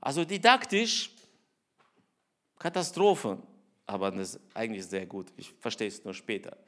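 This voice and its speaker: A middle-aged man preaching a conversational sermon, acting out voices and swinging between hushed asides and loud emphasis. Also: on the low side, sing-song, normal speed. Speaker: pastor.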